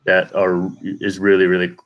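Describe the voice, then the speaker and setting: A man's voice: sits low, monotone, moderate pace, muffled recording. A man from Hawaii, a regular on the show, chatting in an easygoing way with lots of "you know". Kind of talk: casual chat.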